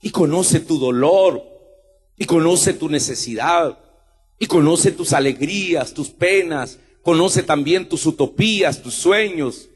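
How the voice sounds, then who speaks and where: A male pastor preaching a sermon, swinging from soft passages to shouted ones and repeating phrases for emphasis. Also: a little high, takes it slowly, slightly rough, big-room sound, soft background music.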